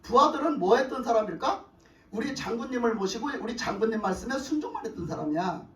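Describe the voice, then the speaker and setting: A woman's voice: a little high, animated, fast, slight background noise. A woman pastor preaching a sermon emphatically, prodding the room with rhetorical questions. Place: church sanctuary. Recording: echoey church, distant mic.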